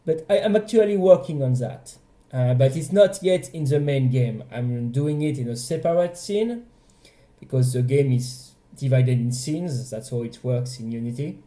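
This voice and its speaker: A man's voice: medium pitch, normal speed, mellow. A young man with a French accent, casually walking through his game's progress, hesitant and often correcting himself. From France. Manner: hesitant, self-correcting, chatty. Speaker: indie game developer. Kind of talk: casual devlog walkthrough.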